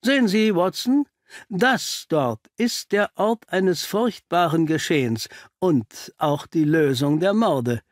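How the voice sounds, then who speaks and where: A man's voice: sits high, expressive, slow pace, no room sound, studio quality, pitched above the performer's own voice. A man reading an audiobook, voicing a confident, cheerful male detective who talks in a teasing, cryptic way. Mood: knowing. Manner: teasing, cryptic, self-assured. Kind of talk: audiobook character voice.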